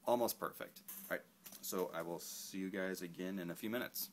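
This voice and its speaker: A man's voice: deep voice, a little fast, slight background noise. A man casually reviewing an action figure, rambling and correcting himself as he goes. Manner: rambling, self-correcting, laid-back. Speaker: toy reviewer.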